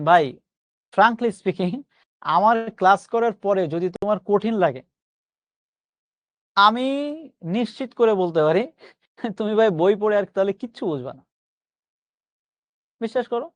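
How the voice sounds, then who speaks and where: A man's voice: high voice, measured pace, pauses often, no echo. A man teaching a pronunciation class online, reassuring his students and slipping English phrases into his lecture.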